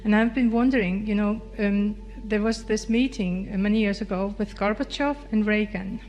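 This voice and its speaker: A woman's voice: medium pitch, fairly even intonation, normal speed, a little mellow, slight background noise. A woman from Iceland asking a question hesitantly, with many fillers. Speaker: audience member asking a question.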